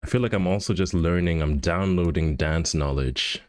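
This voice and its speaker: Low-voiced man muttering while he works. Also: normal speed, no room sound, studio quality. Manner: muttering to himself, thinking aloud, humming beeps. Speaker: streamer. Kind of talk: casual livestream commentary while animating.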